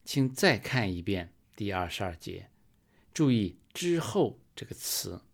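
A man preaching a sermon in a slow, measured storytelling manner, rising for emphasis. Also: on the low side, big pitch swings, gravelly.

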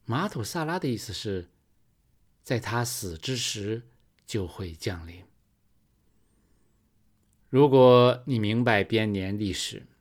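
A man preaching a sermon in a slow, measured storytelling manner, rising for emphasis. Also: on the low side.

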